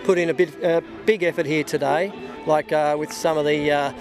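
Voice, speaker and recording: An Australian man hosts an event in a casual announcing style. His voice is fairly high for a man, and music plays clearly behind him. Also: fairly even intonation, moderate pace. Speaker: event host.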